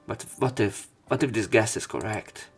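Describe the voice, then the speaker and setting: A man reads a visual novel's narration aloud as a let's player, now and then stumbling and repeating words. His voice sits on the low side with a breathy edge and a moderate pace, and game music plays behind him.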